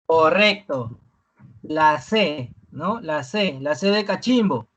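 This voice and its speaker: An animated teacher with a mid-range, slightly bright voice holds a live online review class, emphasizing key words by slowly saying them again and capping nearly every phrase with "¿no?" as a question.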